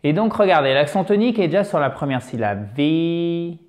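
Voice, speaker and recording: Lively French-speaking man teaching English. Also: fairly high pitch, moderate pace. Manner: animated, exaggerated pronunciation drills. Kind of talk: video lesson in French.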